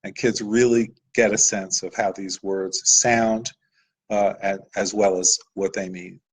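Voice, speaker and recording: Husky-voiced man presenting a webinar. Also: on the low side, fairly even intonation, unhurried, poor audio. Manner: patient explanatory, with filler "uh"s. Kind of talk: live webinar lesson over slides.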